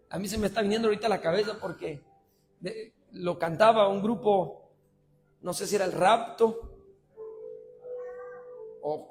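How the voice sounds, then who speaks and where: High-voiced Mexican pastor preaching. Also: male voice, creaky. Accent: Mexican Spanish. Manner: swings between shouted preaching and quiet asides to the congregation. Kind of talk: sermon. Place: church.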